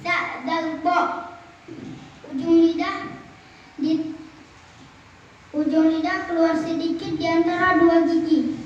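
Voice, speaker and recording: A woman's voice: very high voice, level tone, slow, pauses often, a little hiss or hum. A woman reciting memorized Quranic reading rules for an oral exam, chanting lists of letters in a sing-song rhythm. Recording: echoey distant lo-fi room recording.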